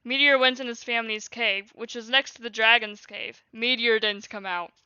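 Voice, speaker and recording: A woman's voice: fairly high pitch, fairly even intonation, normal speed, sharp tone, clean tone, no room sound, muffled recording. A young woman in her late teens, a streamer, reading her childhood journal aloud with laughing casual asides.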